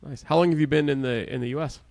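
A man in his forties hosting a podcast, chatting casually with a guest and often pausing with "uh" and restarting sentences. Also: fairly high pitch, fairly even intonation, vocal fry, a little mellow, no room sound. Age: 40s. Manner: friendly, frequent "uh" hesitations and restarts. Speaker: podcast host. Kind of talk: casual interview chat.

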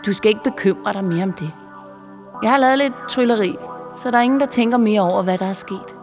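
A woman voicing a sly male Christmas elf who teaches mischief, gleeful and cackling, drawn out and slow. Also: medium pitch, natural voice. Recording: long reverb with music behind.

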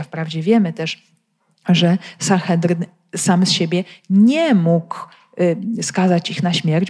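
A woman's voice: on the low side, a little mellow. A woman giving a spoken Bible commentary, explaining the text and asking many rhetorical questions while addressing her listeners directly. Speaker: Bible teacher.

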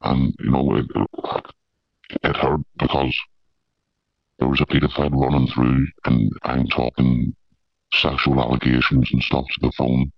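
A man, his voice disguised and pitched very deep, telling his story in an interview, halting with many fillers and restarts. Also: little pitch movement, creaky, no room sound, lo-fi sound. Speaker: amateur paedophile hunter.

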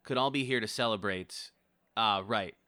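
A man's voice: on the low side, normal speed, sharp tone, clean tone. A man playing an exasperated groom who stumbles through a thank-you speech and curses. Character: flustered groom giving a speech.

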